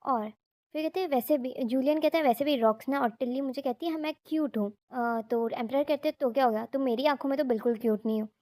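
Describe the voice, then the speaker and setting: A woman's voice: sits high, quick pace, mellow, no room sound, clean studio sound. A woman casually retelling a manga story, chatty, mixing in English words and briefly speaking the characters' lines.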